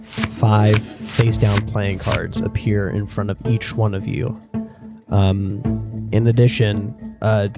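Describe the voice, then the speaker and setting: A man improvising tabletop game narration as game master, haltingly searching for his words. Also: lowish voice, level tone. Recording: loud plucked guitar music behind.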